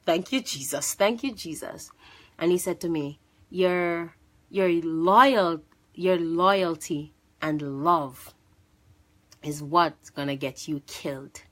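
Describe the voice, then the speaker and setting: A woman tells her testimony in a somewhat low voice. She talks in a lively, storytelling way, leaping up in pitch to act out what she and others said. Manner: animated, acts out quoted voices with big pitch jumps.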